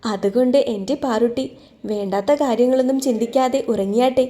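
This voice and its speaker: A woman voicing a patient young heroine in an audio love story, speaking in a gentle, comforting way. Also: on the high side, steady tone, fairly quick, close to an everyday voice.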